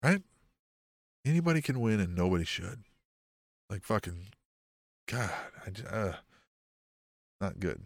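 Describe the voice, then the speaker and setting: A man's voice: on the low side, big pitch swings, measured pace, gravelly, long pauses, no room sound, clean studio sound. A man hosting a podcast in casual, profane, rambling chat with a sardonic edge. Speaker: podcast host.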